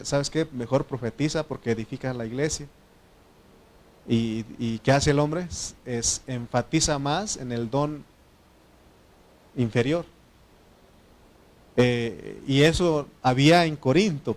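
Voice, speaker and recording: A Mexican pastor from Oaxaca delivers a sermon in a Mexican Spanish accent, in the measured voice of someone who learned Spanish as a second language. He talks conversationally, pausing on fillers and correcting himself as he goes. He keeps turning to the congregation with questions. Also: mid-range voice. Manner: frequent fillers and self-corrections.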